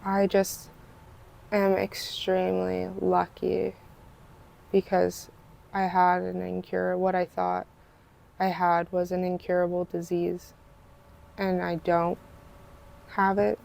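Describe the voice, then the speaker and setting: A woman being interviewed on a podcast, speaking in a flat, heavily gravelly voice. Her tone is dark and mellow, and she keeps her replies quiet, plain and brief. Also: lowish voice, takes it slowly, pauses often. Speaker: podcast guest. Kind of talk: casual interview chat.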